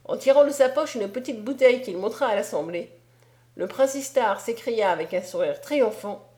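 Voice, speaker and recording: A woman's voice: a little high, moderate pace, mellow. Woman reading a novel aloud. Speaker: narrator. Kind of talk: audiobook narration.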